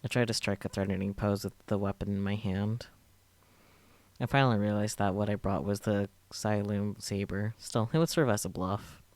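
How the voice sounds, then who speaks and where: A man's voice: lowish voice, fairly even intonation, normal speed, a little mellow, dry recording. A man reading a visual novel script aloud as narration, with his own asides, over game music. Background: game music and Japanese voice acting.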